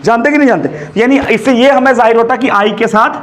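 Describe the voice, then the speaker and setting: A man with a very high voice teaches a grammar lesson to a room of students. He talks in a loose, joking way and keeps asking whether they understand. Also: fast talker, crowd noise. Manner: chatty, joking, asks "है कि नहीं?" often. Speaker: English teacher. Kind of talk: classroom lesson. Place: classroom with students.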